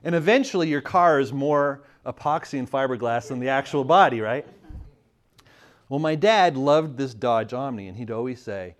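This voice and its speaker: A man in his thirties from Montreal telling a family story in a casual, animated way, often laughing and restarting his sentences. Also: mid-range voice, normal speed. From Montreal, Canada.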